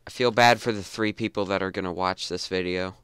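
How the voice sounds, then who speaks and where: A young man giving goofy, rambling commentary over a game he plays, mumbling low asides and then yelping, on a desk mic. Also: steady tone, brisk, fairly bright tone, clean tone, no room sound. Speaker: gamer. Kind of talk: casual let's-play commentary.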